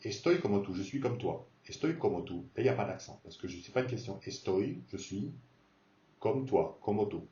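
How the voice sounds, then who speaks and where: A man teaching a beginner Spanish lesson, repeating words slowly to model pronunciation. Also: fairly low pitch, lively intonation, mellow, reverberant, far from the mic, muffled recording.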